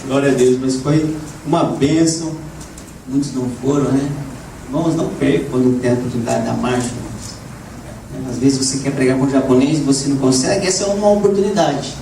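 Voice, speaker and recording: A slightly hoarse man preaching a lively sermon to a congregation, often asking "né?" and rising into shouts. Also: medium pitch, brisk. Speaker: evangelist preacher. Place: church hall. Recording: echoey church room, voice from far off, background noise.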